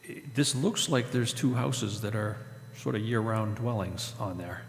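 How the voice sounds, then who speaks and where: A man's voice: fairly low pitch, measured pace, gravelly. Hesitant man questioning at a board meeting. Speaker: planning board member. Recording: echoey hall, faint hum.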